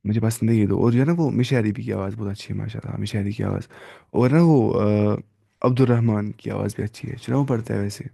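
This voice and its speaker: A man teaching a live online Quran reading lesson, drilling letters and sounds slowly one by one. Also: lowish voice, fairly even intonation, creaky, mellow. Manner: slow drawn-out letter-by-letter drilling.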